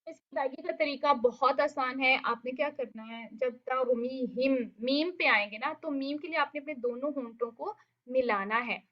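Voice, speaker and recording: A woman with a fairly high voice teaches Quran recitation, walking through each rule patiently and checking in with her students. She slows down to recite the Arabic words and show each sound. The recording sounds dull and lo-fi. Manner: patient, explains step by step with check-ins. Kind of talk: online lesson.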